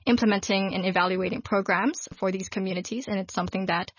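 Twenties woman from Hong Kong as interview guest; relaxed, filler-heavy, dry lo-fi broadcast. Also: medium pitch, fast, breathy edge, dry recording. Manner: relaxed, with fillers like "so" and "you know". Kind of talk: casual interview talk. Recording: dull lo-fi radio broadcast.

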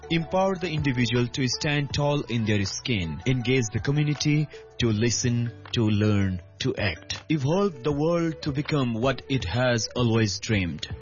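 A man delivers a scripted intro in a slow, declaiming style, his pitch swinging widely from line to line. Guitar music plays softly under him, and the recording sounds dull and lo-fi. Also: animated. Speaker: show intro narrator. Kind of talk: scripted dramatic narration.

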